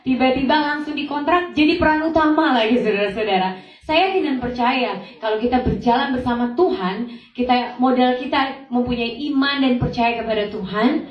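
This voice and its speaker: A young woman giving a church testimony, telling her story in a lively way and acting out the dialogue for the congregation. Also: high voice, moderate pace. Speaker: testimony speaker. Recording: echoey hall, far from mic, dull.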